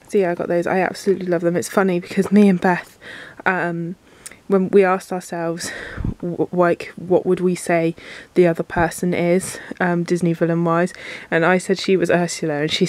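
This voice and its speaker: A book vlogger with a lowish voice, recorded with no room sound, chats casually from a work bathroom. Congested and sniffly with a cold, she fills her speech with ums and likes.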